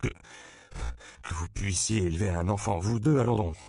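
Man playing an outraged stammering priest, high and loud, audiobook. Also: lively intonation, measured pace, gravelly, no echo, studio quality, exaggerated voice. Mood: indignant. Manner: flustered, indignant. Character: indignant sputtering older priest.

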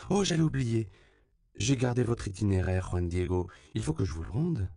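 A man's voice: low-pitched, animated, brisk, creaky, warm tone, no echo, clean studio sound. A man voicing a bossy, impatient middle-aged mother who scolds and gives orders. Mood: brisk. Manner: scolding, commanding.

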